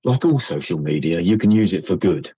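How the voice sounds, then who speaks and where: Man, northern English accent, deep, husky, chatty storyteller, dry sound. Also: expressive, fairly quick, mellow, dry recording, rough recording. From England. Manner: chatty storyteller, acts out quoted voices, laughs often. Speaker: podcast guest. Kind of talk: casual chat.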